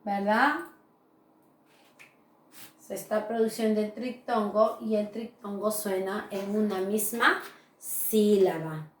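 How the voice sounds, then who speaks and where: A woman's voice: medium pitch, fairly even intonation, reverberant, distant mic. A woman teacher giving a recorded grammar lesson, explaining patiently and checking in with her students often. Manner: slow, patient explaining with frequent "¿verdad?" tags.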